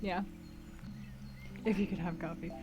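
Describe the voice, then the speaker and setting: A woman with a lowish voice, fairly even intonation, and a measured pace hosts a live-streamed book club. Before the reading, she rambles casually with her live chat and laughs often. The recording is muffled, with music in the background.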